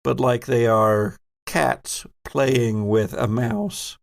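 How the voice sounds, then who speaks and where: A man with a gravelly, medium-pitched voice narrates very slowly as game master and host of a tabletop horror game. His dramatic, improvised narration is descriptive and suspenseful.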